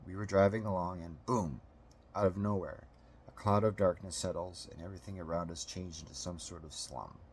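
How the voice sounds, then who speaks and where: A man's voice: sits low, brisk, a little mellow, slight background noise, natural voice. A man reading the lines of a frightened, protective mother in an audiobook, with an urgent, anxious delivery.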